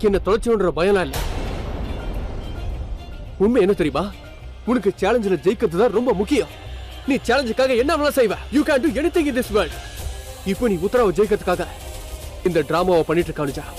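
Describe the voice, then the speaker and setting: A young lover hurt and bitter, speaking with emphatic accusations in a soap-opera scene. His voice sits high for a man. A faint music score plays beneath. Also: expressive, a little fast, pauses often, a little mellow. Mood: bitter, accusing. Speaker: actor in a TV serial. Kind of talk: dubbed TV drama dialogue.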